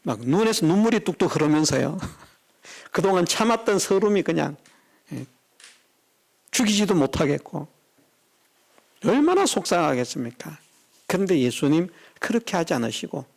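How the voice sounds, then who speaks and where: Animated Korean pastor preaching. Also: male voice, sits high, gravelly. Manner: animated preaching, acts out voices in quotes. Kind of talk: sermon.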